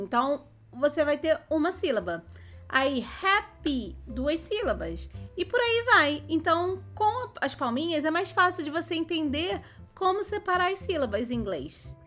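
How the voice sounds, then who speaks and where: A woman's voice: sits high, very animated, normal speed, fairly bright tone, soft background music. A woman hosting a children's learning podcast, introducing a tutor and explaining the lesson to listeners. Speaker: podcast host. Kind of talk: explaining to parents.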